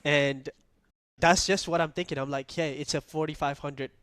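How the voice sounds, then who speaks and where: Young man from Malaysia, podcast host, slightly high voice, dry close sound, laid-back storytelling. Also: fairly even intonation, normal speed, fairly bright tone, clean tone, no echo. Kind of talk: casual podcast chat.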